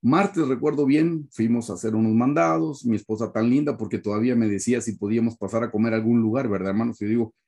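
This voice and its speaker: Guatemalan pastor guy preaching over zoom, earnest, kind of gravelly, keeps saying brothers. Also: medium pitch, fast talker, hardly any pauses, a little mellow. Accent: Guatemalan Spanish. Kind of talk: testimony sermon over a video call.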